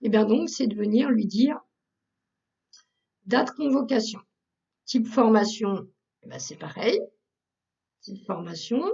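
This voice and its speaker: Recorded as a screen tutorial, a woman's slightly high voice explains a software task step by step for Google Workspace training, with lots of fillers. She's far from the mic, and the high frequencies are cut off.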